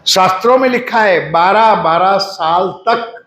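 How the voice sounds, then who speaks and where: A man giving a devotional sermon, putting questions to his listeners and chanting mantras slowly. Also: high-pitched, fairly bright tone. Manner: addresses the audience directly with questions. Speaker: preacher. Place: ashram hall. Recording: echoey hall.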